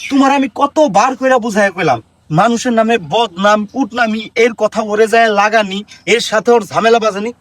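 A man's voice: high-pitched, fairly quick, no echo. A man playing an exasperated, lecturing son. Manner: exasperated, lecturing, rising to shouts. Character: exasperated grown son, scolding his gossiping mother. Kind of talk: comedy skit acting.

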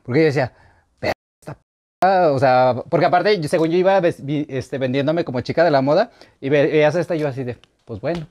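A young man with a Mexican accent chatting campily about a drag show, gossipy and expressive. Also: a little high, quick pace, dry recording. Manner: campy, gossipy, expressive with big laughs. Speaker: drag reality show panelist. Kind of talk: casual chat.

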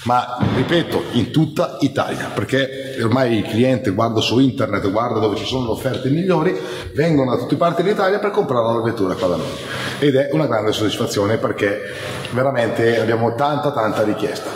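A middle-aged man giving an informal, talkative infomercial sales pitch as a car salesman, repeating points for emphasis. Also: lively intonation, normal speed. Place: large indoor car showroom. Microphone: phone camera a few steps away. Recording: echoey hall, background noise.

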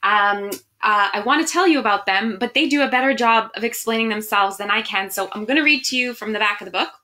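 Fast and sharp-toned, a woman with a mid-range voice reads picture books expressively and talks with children online. She works as an education director and records in a small room at home.

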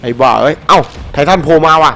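A man giving excited let's-play commentary over a game, animated and playful, with frequent shouted exclamations and crude slang. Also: on the high side, quick pace. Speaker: gameplay commentator. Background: faint game music.

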